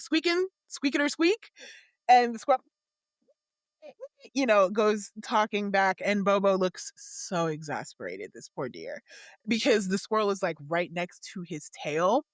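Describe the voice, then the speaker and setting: A woman playing a tabletop game, describing her character's actions in long, animated run-on sentences. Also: mid-range voice, no room sound, studio quality. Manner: animated, laughing often, run-on storytelling. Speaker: player.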